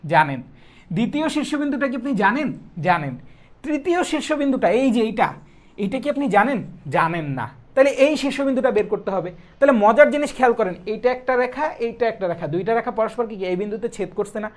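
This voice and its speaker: A man's voice: extremely high pitch, animated, fairly quick. A young man, teaching a live math class. He asks the students questions, answers them himself and repeats the steps. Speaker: math tutor. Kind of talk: live online exam-prep math class.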